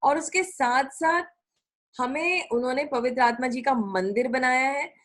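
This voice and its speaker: A woman's voice: sits high, unhurried, a bit bright. A middle-aged woman preaching a sermon in a conversational way, repeating her points for emphasis. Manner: conversational Hindi-English mix, repetitive emphasis.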